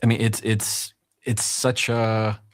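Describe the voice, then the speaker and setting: A man's voice: on the low side, monotone, slow pace. A man giving conversational advice in an earnest way, leaning on rhetorical questions. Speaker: talk guest in a played video.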